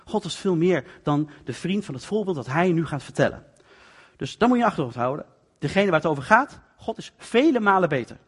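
A male preacher explains scripture in a loose, conversational sermon, stepping into the story's scenes as he goes. His voice sits high for a man. The sound carries the long reverb of a large hall. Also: lively intonation, a little fast, slightly rough.

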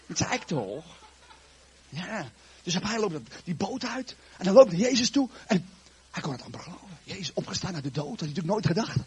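A man preaching a sermon to his congregation, retelling a Bible story in a lively, joking way with a raspy voice. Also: sits high, fairly quick.

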